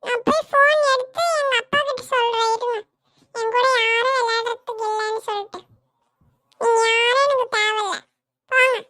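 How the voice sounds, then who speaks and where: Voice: very high-pitched, steady tone, normal speed, pushed and bright, no room sound, clean studio sound. A performer voicing a whiny, sulky young boy in a family comedy cartoon, complaining tearfully that nobody will play with him. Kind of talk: family comedy skit dialogue.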